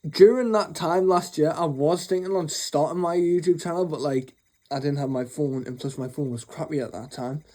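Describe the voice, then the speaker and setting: A man's voice: on the high side, normal speed, dark tone. A young man telling a rambling, sweary storytime rant, sleepy after just waking up. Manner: rambling, swears freely, mocking. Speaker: channel host.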